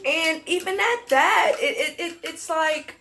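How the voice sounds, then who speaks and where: A young adult woman telling a casual story on her vlog, animated and emphatic, often breaking into laughter. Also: very high-pitched, a little slow. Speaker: vlogger.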